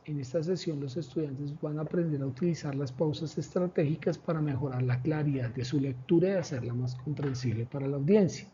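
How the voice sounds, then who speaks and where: Male teacher, slightly high pitch, measured explanatory delivery, lo-fi recording. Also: mellow, a little hiss or hum. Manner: measured, explanatory, with pauses and fillers. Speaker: teacher presenting a lesson plan. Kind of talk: slide presentation. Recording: dull lo-fi recording.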